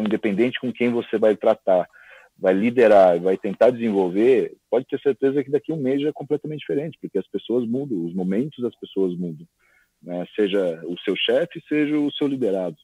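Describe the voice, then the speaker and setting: A man's voice: on the low side, dark tone, slightly rough, no room sound, low-quality recording. A man speaking earnestly as a panelist on a video call, rambling with many fillers. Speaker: panelist, company executive.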